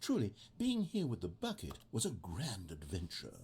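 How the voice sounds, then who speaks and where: A man playing a wry storybook narrator in a video game, with measured, theatrical scripted delivery. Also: sits low, huge pitch swings, vocal fry, darkish tone, a little hiss or hum, exaggerated voice. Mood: mock earnest.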